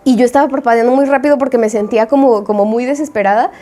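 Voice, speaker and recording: A woman's voice: fairly high pitch, steady tone, very fast, warm tone, faint music behind. A young woman with a Mexican Spanish accent telling a story in a chatty, slangy way and acting out her own reactions. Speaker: indie game developer and vlogger. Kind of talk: casual storytelling.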